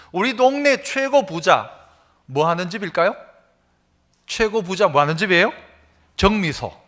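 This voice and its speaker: High-pitched, bright-voiced pastor. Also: male voice. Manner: storytelling, acts out voices, swings from soft to loud. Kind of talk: sermon.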